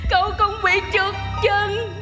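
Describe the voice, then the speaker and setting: A very high-pitched, gossipy young servant girl, rambling through her testimony with lots of hesitant fillers. It is a stage comedy skit with music clearly playing underneath. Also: little pitch movement, unhurried. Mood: tearful, pleading. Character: young female servant witness, chatty, loyal to her mistress.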